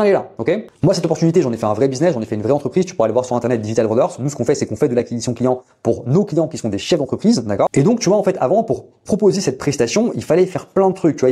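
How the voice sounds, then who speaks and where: A man from India, pitching his online business coaching to the viewer in a hyped, rambling way full of fillers. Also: warm tone, husky. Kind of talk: casual direct-to-camera sales pitch.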